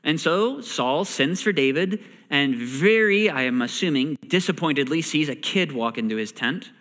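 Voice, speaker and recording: A man's voice: fairly high pitch, normal speed. A man preaching a sermon, reading scripture and explaining it in a conversational way, sometimes acting out the characters' lines. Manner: animated, acts out characters' lines. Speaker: pastor. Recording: long hall reverb.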